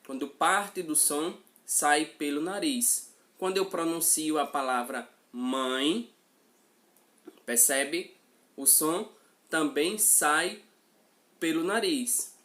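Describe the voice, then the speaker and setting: A man's voice: a little high, slow, fairly bright tone. A male teacher gives a grammar lesson, repeating example words and checking in with his students as he goes.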